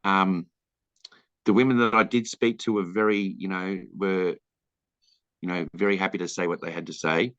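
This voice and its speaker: Candid low-voiced Australian man, lo-fi. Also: fairly even intonation, normal speed, pauses often, a bit bright, no room sound. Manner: candid, rambling storyteller who acts out quoted people. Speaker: film director being interviewed. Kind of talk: casual interview answers. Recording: dull lo-fi dry recording.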